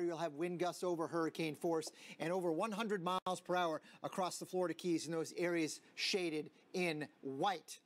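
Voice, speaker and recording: An American man presenting a live TV weather forecast, explaining things directly to viewers. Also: sits high.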